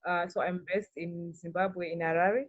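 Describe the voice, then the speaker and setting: A woman's voice: on the low side, fairly even intonation, moderate pace, no room sound. A woman introducing herself on an online panel over a video call, hesitant and apologetic. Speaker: panelist, coordinator. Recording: tinny phone-like call line.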